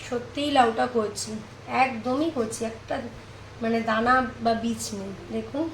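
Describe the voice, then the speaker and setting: Woman from India, high pitch, casual kitchen vlogger talking viewers through her cooking. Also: measured pace, a little hiss or hum, rough recording. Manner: chatty, narrates each kitchen task to viewers. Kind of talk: casual cooking vlog narration. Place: home kitchen.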